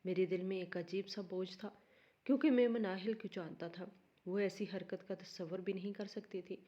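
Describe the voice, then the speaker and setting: A woman reading a dramatic family story aloud in a steady, earnest way. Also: medium pitch, highs cut off.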